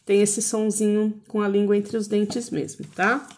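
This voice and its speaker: A woman's voice: mid-range voice, little pitch movement, a little slow, a little mellow, slight background noise. A woman with a Brazilian Portuguese accent teaches English words to young children. She talks patiently and repeats each word several times. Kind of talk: slow, drawn-out pronunciation drills for children.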